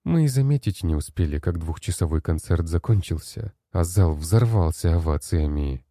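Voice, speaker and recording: A man narrating a first-person story in a steady, measured way. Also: sits low, dry recording, clean studio sound. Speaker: audiobook narrator.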